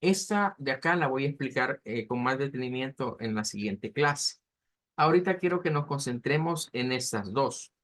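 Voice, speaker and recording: A man teaching an online language class, explaining step by step and slowly modeling pronunciation. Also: mid-range voice, expressive, a bit bright.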